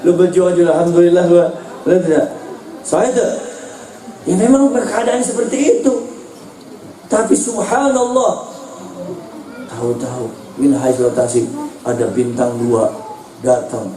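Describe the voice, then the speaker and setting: A male preacher tells a lively story in his sermon. His voice is somewhat high but mellow. He sounds distant in a roomy hall, with faint background noise. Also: measured pace, pauses often. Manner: lively storyteller who acts out dialogue.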